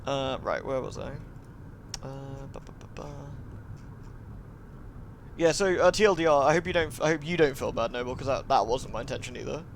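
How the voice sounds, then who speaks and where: A man with a medium-pitched voice livestreams at a moderate pace, alternating between reading a visual novel's narration aloud and politely thanking and chatting with viewers. There's slight background noise.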